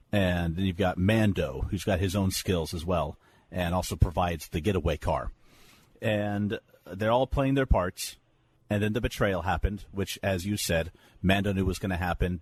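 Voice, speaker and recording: A man's voice: low voice, moderate pace, darkish tone, slight background noise. A man co-hosting a casual podcast chat, enthusiastic and building his points in lists. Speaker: podcast co-host.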